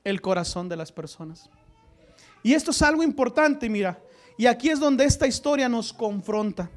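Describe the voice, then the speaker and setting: A man preaching a sermon, firing rhetorical questions and swinging between loud emphasis and hushed lines. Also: extremely high pitch, animated, normal speed.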